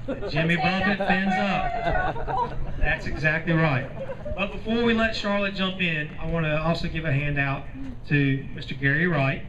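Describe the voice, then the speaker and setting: Jovial high-pitched man announcing to a crowd. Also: steady tone, normal speed. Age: middle-aged. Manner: jovial, teasing crowd-working. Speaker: event host, announcer. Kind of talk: live, unscripted event announcing with banter. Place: outdoors in a parking lot by a pool. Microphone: handheld PA microphone, picked up by a distant camera. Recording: distant lo-fi PA sound, crowd noise. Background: loud crowd.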